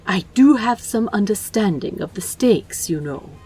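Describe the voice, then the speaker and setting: A woman's voice: medium pitch, expressive, unhurried, mellow, breathy edge, soft background music. A woman voicing a prim, polite male angel in a fan audio drama, earnest and genteel with a touch of indignation.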